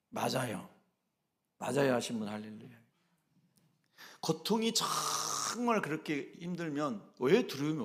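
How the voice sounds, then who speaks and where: A male pastor preaching a sermon emphatically, often asking the congregation questions. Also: medium pitch.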